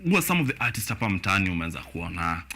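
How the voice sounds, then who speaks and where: A man's voice: low-pitched, very animated, fast talker, sharp tone, faint music behind. A man with a Kenyan accent hosting a casual interview, switching between English and Swahili slang. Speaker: interview host.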